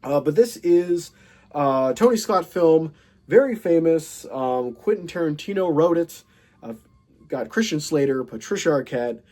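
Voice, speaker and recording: A man with a stuffy, nasal voice from a cold hosts a casual chat showing off his film haul, rambling enthusiastically with lots of fillers and restarts. His voice is a little high, warm and expressive, and he talks a little slowly. Faint music plays behind him.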